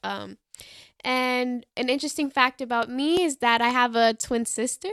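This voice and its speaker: A woman's voice: on the high side, normal speed, fairly bright tone, clear, resonant tone, dry recording, studio quality. A nineteen-year-old woman from the United States, answering hesitantly and candidly as a podcast guest. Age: teens. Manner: hesitant, candid, with many ums. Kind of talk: casual podcast interview.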